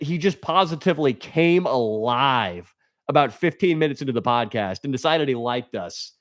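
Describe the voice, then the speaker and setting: Speaking at a medium pitch, a young man hosts a livestream, casually talking to his audience and reading their comments aloud, peppered with rambling asides and crude, deadpan humor.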